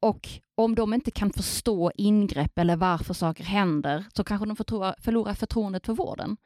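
A woman speaking as a surgeon guest on a podcast, lively and acting out quoted voices in casual chat. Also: medium pitch, dry recording, studio quality.

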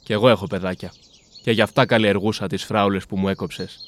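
A man's voice: lowish voice, fairly even intonation, natural voice. A man playing a poor, hard-working farmer and father in a storybook reading, plain and heartfelt. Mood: kind. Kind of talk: storybook character voice.

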